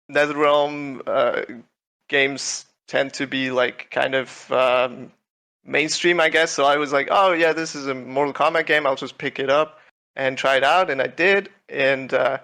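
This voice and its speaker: His voice is gravelly and sharp at a medium pitch. A young man from Switzerland who won a tournament, he's a guest in a relaxed video-call interview, speaking humbly with lots of fillers and restarts.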